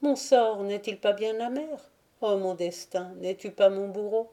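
A woman voicing a despairing young noblewoman in a soft, mournful lament, in an audiobook reading. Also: medium pitch, measured pace, natural voice.

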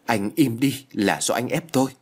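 Tearful young woman, pleading, read by a male narrator, husky voice. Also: medium pitch, normal speed, natural voice.

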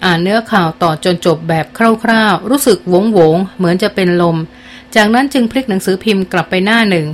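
A woman's voice: mid-range voice, a little fast. Woman narrating a novel. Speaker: audiobook narrator.

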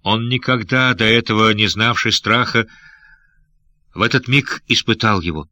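A man narrates an adventure audiobook with a dramatic delivery. His voice is lowish but bright and forceful. The recording is dry and close to the mic. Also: normal speed, dry recording. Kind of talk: scripted narration.

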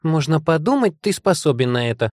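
A cheeky female tree spirit, put on by a man in a fantasy audiobook, full of mockery. The voice rises high above his usual pitch and comes across teasing. The sound is dry and close. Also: sing-song, brisk, darkish tone, no room sound. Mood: sarcastic. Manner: mocking, giggly.

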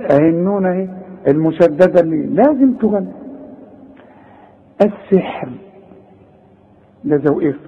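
A man with an Egyptian accent teaching Quran recitation rules, quizzing the student and slowly modelling each word. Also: high-pitched, breathy edge, dull audio. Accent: Egyptian Arabic. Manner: animated, demonstrates recitation slowly, questions the student. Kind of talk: tajweed lesson.

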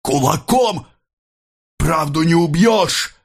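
A man reading an audiobook voices a stubborn, defiant peasant rebel who shouts heavy, accusing words. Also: a little high, animated, takes it slowly, vocal fry, voice pushed up, heavily acted.

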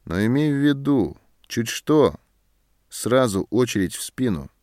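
A man voicing a short-tempered male army sergeant who talks in a harsh, scornful way, louder and higher than his narration. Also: expressive, unhurried, no echo, studio quality, lightly acted.

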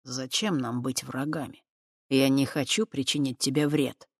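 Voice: mid-range voice, steady tone, dry recording, studio quality. A narrator voicing a sly, silky half-spirit prince. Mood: quiet menace. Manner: soft, slow, silky and menacing.

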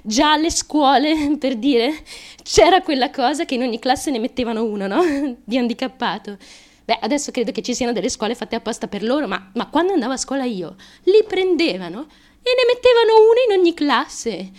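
An actress gives an intimate radio theatre monologue as a troubled young woman, confessional and crude, nervous and halting, with sudden emotional swings. Her high voice is expressive and a little mellow, and she sounds nervously amused.

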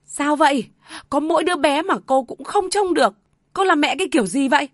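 An older grandmother who turns on people with shrill blame, or mutters prayers under her breath, as a woman narrator voices her. The reading is dry and close. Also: steady tone, quick pace, mellow, breathy edge, no room sound. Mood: shrill scolding. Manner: shrill and scolding, then murmuring prayers. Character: sharp-tongued grieving grandmother.

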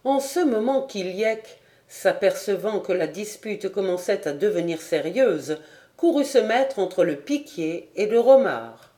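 A woman reading a historical novel aloud as an audiobook narrator, measured and clear. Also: medium pitch, expressive, dark tone. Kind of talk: scripted narration.

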